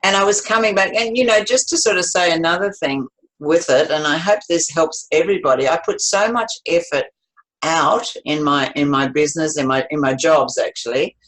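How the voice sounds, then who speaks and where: With a low voice and moderate pace, this interview guest in her seventies recounts her life, her storytelling warm and meandering, full of restarts and laughter. The audio quality is poor.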